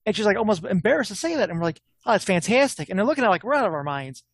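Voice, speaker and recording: Man, brisk and blunt, slightly high voice, dead-dry studio sound, conversational opinion talk. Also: big pitch swings, dry recording. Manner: talks fast with frequent restarts, blunt and opinionated. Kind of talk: casual political chat.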